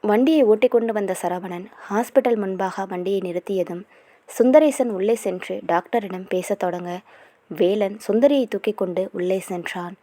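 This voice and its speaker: A woman narrating a serial romance novel in a steady storytelling manner. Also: mid-range voice, normal speed, dry recording.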